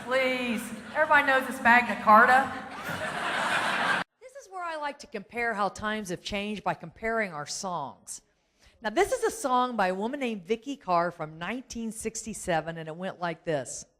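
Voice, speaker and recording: A middle-aged woman giving a comic keynote talk, chatty and animated, asking the audience questions and laughing at her own jokes. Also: mid-range voice, normal speed. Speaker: keynote speaker. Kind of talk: stand-up style comic keynote. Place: large conference hall. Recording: echoey hall with faint noise.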